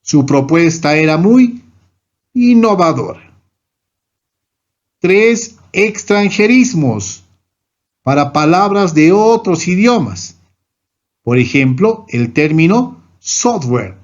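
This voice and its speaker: Male narrator, high and slow, lesson-reading voice, muffled lo-fi sound. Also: animated. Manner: reads numbered rules and examples one by one. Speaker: teacher.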